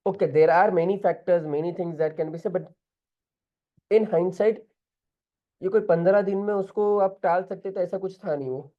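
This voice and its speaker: A man's voice: high-pitched, fairly even intonation, rapid-fire, phone-quality sound. A man with an Indian accent giving direct group discussion feedback as an interview prep mentor, switching now and then into Hindi.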